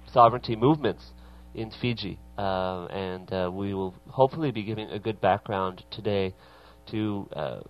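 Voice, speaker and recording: A man hosting a radio interview, speaking haltingly with many fillers. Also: fairly low pitch, muffled recording. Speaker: radio show host.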